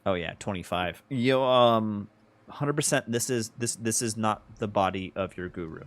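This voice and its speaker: A man's voice: fairly low pitch, moderate pace. A man casually narrating a live tabletop role-playing game as the game master. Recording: music behind the voice.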